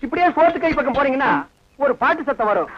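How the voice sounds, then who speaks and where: A sharp-tongued village grouch. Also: male voice, very high voice, lively intonation, fast. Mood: mocking. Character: sharp-tongued insulting middle-aged village man. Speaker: grumpy householder in a comedy film. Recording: dull lo-fi film soundtrack.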